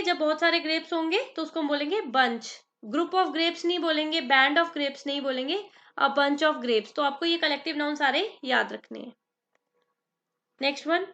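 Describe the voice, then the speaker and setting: High-voiced woman teaching grammar. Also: bright, forceful tone. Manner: slow dictation of examples, quizzing the viewer. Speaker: exam prep teacher. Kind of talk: grammar lesson in Hindi-English mix.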